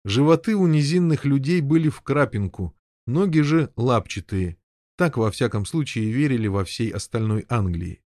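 A man reading a novel aloud as an audiobook narrator, with an even storytelling delivery. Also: medium pitch, moderate pace, no room sound, clean studio sound. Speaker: audiobook reader. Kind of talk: scripted narration.

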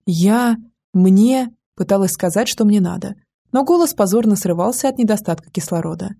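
Lady reading a story out loud, mellow husky voice, lively first-person telling. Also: mid-range voice, quick pace. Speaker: audiobook narrator. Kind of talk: scripted narration.

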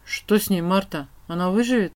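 A woman voicing a weary, tender middle-aged king who speaks low and tired. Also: brisk, close to an everyday voice.

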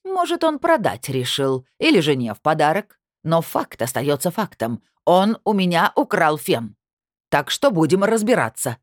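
A woman voicing an indignant, shrill woman official who shouts accusations, in an audiobook. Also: huge pitch swings, normal speed, hardly any pauses, no room sound, studio quality.

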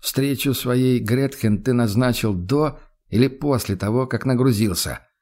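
A man voicing a calm, stern male investigator who questions in a level, insistent voice. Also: mid-range voice, measured pace, close to an everyday voice.

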